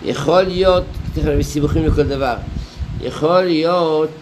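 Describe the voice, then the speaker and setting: A male rabbi delivers a Torah lecture in a somewhat high voice. He explains patiently, asks rhetorical questions, tells small stories and stretches key phrases slowly. Faint noise sits under the recording. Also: darkish tone, low-quality recording. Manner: deliberate, drawn-out phrasing with pauses.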